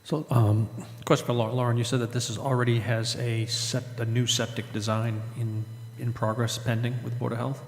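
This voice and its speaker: A man's voice: mid-range voice, flat delivery, moderate pace, hardly any pauses. A man on a planning board, asking careful, hesitant questions at a public meeting. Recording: echoey hall, faint hum.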